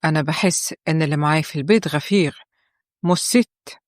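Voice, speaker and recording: A cold, contemptuous husband, played by a woman narrator in an Egyptian audio story, speaking low and flat. The voice stays even and disdainful, and the sound is dry and close. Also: fairly quick, no room sound, close to an everyday voice. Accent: Egyptian Arabic. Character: cold, scornful husband, adult man.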